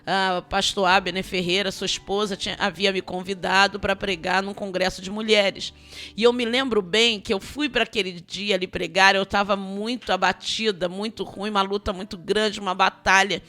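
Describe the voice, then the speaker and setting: A woman's voice: mid-range voice, fairly even intonation, moderate pace, bright, forceful tone, soft background music. A woman with a Brazilian Portuguese accent, a missionary preacher giving an impassioned sermon testimony, repeating phrases and breaking into tongues.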